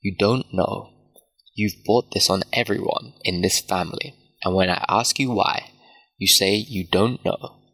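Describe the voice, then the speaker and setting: A man voicing a stern, cold middle-aged father who lectures his daughter, in a slow read-aloud manner. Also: sits low, fairly bright tone, full character voice, poor audio. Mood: cold, lecturing.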